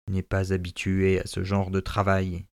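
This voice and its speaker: Man playing a fretful old woodcutter dad from a storybook, lower and gravelly. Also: monotone, moderate pace, dry recording, clean studio sound. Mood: cautioning. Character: poor, worried old woodcutter father.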